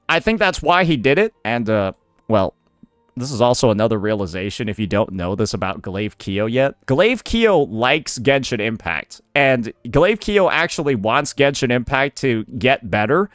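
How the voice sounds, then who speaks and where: A man's voice: mid-range voice, a bit bright, dry recording, studio quality. A man giving opinionated reaction commentary in a blunt, sardonic and profane manner.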